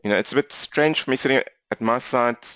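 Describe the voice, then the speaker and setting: A man with a strong South African accent runs an online training session, talking fast and with lots of energy. His voice sits at an ordinary middle pitch, and the laptop recording sounds close and dry. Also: a bit bright, clear, resonant tone, no room sound. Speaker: business coach for accountants. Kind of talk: live online training webinar. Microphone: laptop mic.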